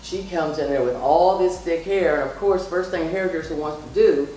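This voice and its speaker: Guesting on her daughter's vlog, this middle-aged mom speaks in a lowish, mellow voice at normal speed. She tells stories from her life and hands out advice casually yet emphatically, often repeating phrases for stress, recorded from a distant mic in a very echoey room with faint noise.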